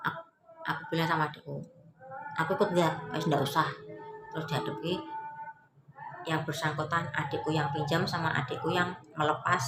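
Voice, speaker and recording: Lower-voiced woman, vlogger telling a story, animated, echoey room. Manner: animated, acts out other people's lines.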